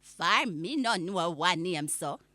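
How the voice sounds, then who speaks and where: A woman playing an exasperated old Jamaican granny, telling a comic rant with indignant, drawn-out emphasis. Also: fairly low pitch, lively intonation, bright, forceful tone, no room sound, clean studio sound, heavily acted. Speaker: storyteller.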